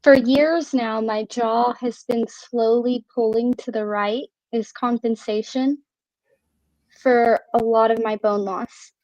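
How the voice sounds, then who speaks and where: A middle-aged woman with a somewhat high voice talks casually in an online chat. Her speech is a little slurred and whistles on the S's, and she forms words with care. The audio is close and dry but slightly dull. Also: fairly even intonation, takes it slowly, darkish tone, no echo. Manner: careful articulation while relearning to talk.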